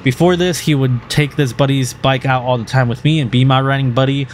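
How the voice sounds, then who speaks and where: A motovlogger host narrates his motorcycle vlog as a casual voice-over, earnest and rambling, with lots of fillers and restarts. His medium-pitched voice moves a little fast with fairly even intonation, over a slight hiss or hum.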